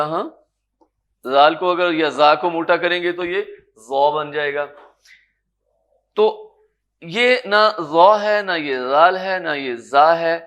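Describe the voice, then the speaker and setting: A man from Pakistan with a Pakistani Urdu accent, teaching a tajweed lesson in a lecture room, patiently explaining and slowly sounding out Arabic letters. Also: a little high, a bit bright. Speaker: Quran recitation teacher.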